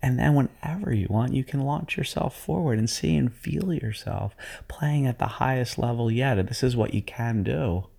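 A man working as a sports performance coach, leading athletes through a guided visualization in a slow, soothing, hypnotic way. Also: medium pitch, gravelly, dark tone.

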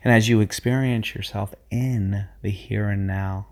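A man leads a guided visualization for athletes in a calm, hypnotic cadence. His voice sits low and carries a noticeable vocal fry. His tone is mellow, and he sounds like a sports coach easing listeners into focus. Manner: slow, soothing, hypnotic delivery.

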